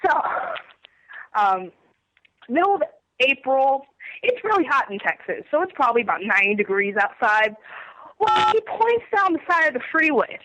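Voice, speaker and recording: Bright-voiced woman telling a story, unwell. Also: sits high, moderate pace, a little hiss or hum, poor audio. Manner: animated storyteller, laughs often. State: under the weather. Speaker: guest wrestler. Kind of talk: storytelling interview.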